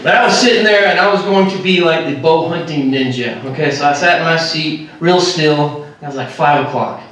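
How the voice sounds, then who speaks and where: A man preaches to a congregation, telling a self-mocking story with animated energy and a fairly high voice. He sounds far from the mic, and his words ring through a very echoey church hall. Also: brisk. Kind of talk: storytelling sermon. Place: church sanctuary.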